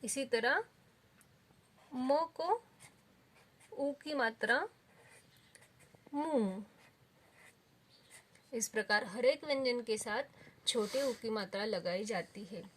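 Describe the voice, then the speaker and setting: A woman teaching young children, her voice a little high. She talks very slowly and patiently and sounds out each syllable with care. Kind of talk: children's lesson.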